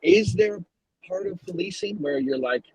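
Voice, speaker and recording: A man's voice: sits high, lively intonation, moderate pace, darkish tone, breathy edge, poor audio. A man hosting a podcast, asking long, searching, rambling questions in a casual interview. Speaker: podcast host.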